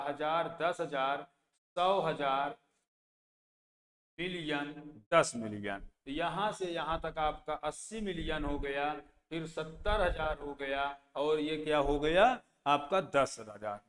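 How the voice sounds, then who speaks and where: Slow and a bit bright, this somewhat high-voiced man teaches math for an exam, going over place values by posing questions and answering them himself. Long reverb and faint noise fill the echoey room.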